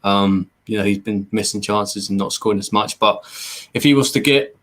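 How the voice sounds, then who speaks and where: A man's voice: on the low side, normal speed, fairly bright tone. An English man co-hosting a fan podcast, talking earnestly at length with lots of fillers. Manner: earnest, rambling with many fillers. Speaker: podcast co-host. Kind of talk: casual fan podcast chat.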